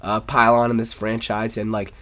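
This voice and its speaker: A man's voice: on the low side, monotone, a little fast, a bit bright. A man with a congested, sore-throated sick voice gives casual, opinionated sports commentary as a video host in an informal, rambling way.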